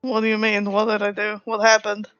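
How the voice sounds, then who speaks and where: A woman's voice: medium pitch, completely flat delivery, brisk, a bit bright, clean tone, no echo, lo-fi sound, soft background music. A woman playing a tabletop roleplaying game with casual chat and improvised in-character replies.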